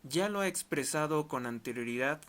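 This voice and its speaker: A man's voice: fairly high pitch, expressive, moderate pace, fairly bright tone. A man from Mexico, delivering an emphatic political commentary monologue in short, repeated clauses. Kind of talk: monologue to camera.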